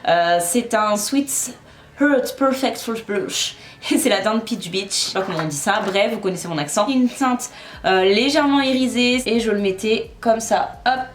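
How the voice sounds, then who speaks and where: A woman's voice: fairly high pitch, moderate pace, slight background noise. A young woman chatting casually through a makeup tutorial, self-mocking and talking while she works. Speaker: beauty vlogger. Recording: echoey room, faint music.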